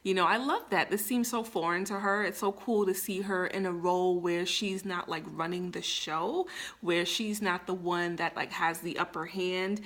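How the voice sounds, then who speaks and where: A woman's voice: on the low side, steady tone, moderate pace, fairly bright tone. A woman in her thirties talking casually to camera, giving chatty, big-sister relationship advice. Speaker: vlogger.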